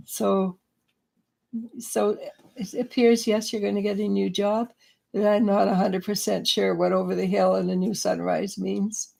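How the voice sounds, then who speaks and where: A woman's voice: medium pitch, creaky, a little mellow. A woman giving live tarot readings in a chatty way, laughing now and then. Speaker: psychic reader.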